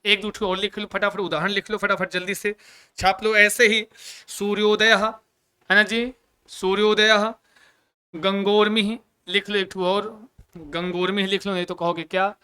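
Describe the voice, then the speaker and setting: Male coaching-class teacher, bright crisp voice, lively question-and-answer lecture style with jokes. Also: sits high, normal speed. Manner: lively, asks questions and answers them himself; joking asides. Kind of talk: Hindi grammar lesson.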